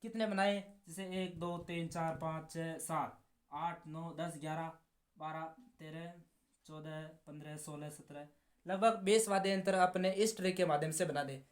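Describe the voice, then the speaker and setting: A woman teacher, giving an exam-prep lesson and slowly drilling each word by repeating it. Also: deep voice, steady tone, roomy sound. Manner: slow, drawn-out repetition of words, drilling.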